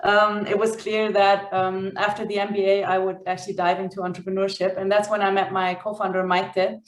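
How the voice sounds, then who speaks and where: A woman from Austria, a startup co-founder, speaking on a panel in a brisk, practical way with frequent fillers. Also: medium pitch, flat delivery, echoey room. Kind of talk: panel talk.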